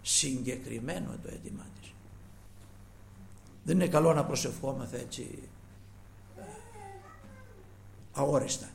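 A man's voice: medium pitch, creaky, long pauses, darkish tone, a little hiss or hum. A man preaching a sermon, earnest and retelling scripture with quoted pleas, often trailing his phrases off to a near-whisper.

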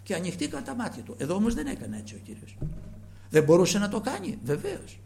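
A man preaching a sermon with passion, calling his listeners brothers, moving from loud emphasis to near whispers. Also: sits high, wildly swooping pitch, creaky, a little hiss or hum.

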